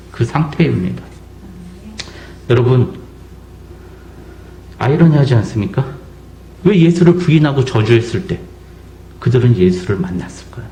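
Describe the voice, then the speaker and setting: A man's voice: medium pitch, mellow. A middle-aged man from South Korea preaching a sermon as pastor, acting out quotes and asking the congregation pointed questions. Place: church sanctuary. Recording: echoey church sanctuary.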